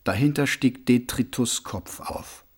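A man reading a novel aloud as an audiobook, with dramatic, expressive storytelling. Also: medium pitch, unhurried, slightly rough. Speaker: audiobook narrator. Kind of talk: scripted audiobook narration.

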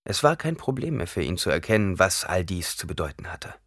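A man reading an audiobook aloud in a dramatic, expressive way. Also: low voice, a little fast, dry recording, clean studio sound. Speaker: narrator. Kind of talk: audiobook narration.

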